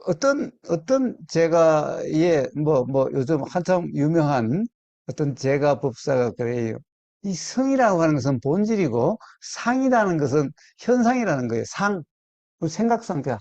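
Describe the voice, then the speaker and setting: Man, Buddhist meditation teacher, deliberate repeating delivery, lively pitch, dull lo-fi sound. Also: no echo. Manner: deliberate, repeats key words, quizzes listeners. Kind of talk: dharma talk to a small group.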